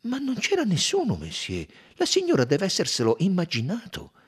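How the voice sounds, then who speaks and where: A man voicing a frightened young male train conductor who stammers and pleads in a high voice, in an audiobook reading. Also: huge pitch swings, normal speed, slightly rough, full character voice. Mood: bewildered.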